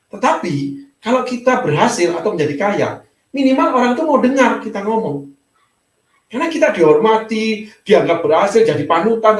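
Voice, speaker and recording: High-voiced pastor preaching in an echoey room. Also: male voice. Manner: conversational storytelling preaching, often addressing the congregation as "saudaraku". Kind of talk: sermon. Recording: echoey room, mic at a distance.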